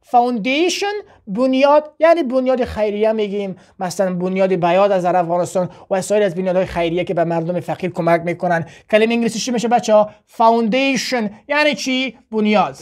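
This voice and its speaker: A woman with an Afghan Dari accent teaching a spoken language lesson, slowly repeating words for drill and asking and answering her own questions. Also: medium pitch, a little mellow. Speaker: English teacher.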